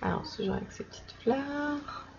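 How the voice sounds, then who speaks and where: A young woman casually chatting in her vlog while showing stickers she bought, with many fillers and soft laughs. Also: high-pitched, fairly even intonation, moderate pace. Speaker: vlogger. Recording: slightly dull recording with faint background noise.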